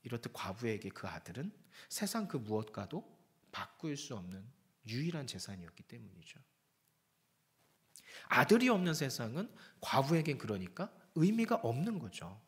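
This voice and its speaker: A man's voice: mid-range voice, big pitch swings, moderate pace. A male pastor preaching a sermon, telling the story dramatically and often dropping to a whisper.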